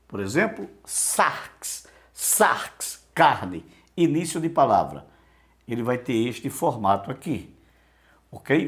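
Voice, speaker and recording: Slow, lively-voiced male teacher. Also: mid-range voice. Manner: answers his own rhetorical questions, repeats words for drilling. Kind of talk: online language lesson.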